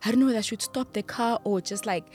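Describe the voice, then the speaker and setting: A young woman, a podcast guest, speaking in a heartfelt, halting way about loss, with soft music underneath. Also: on the high side. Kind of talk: emotional interview.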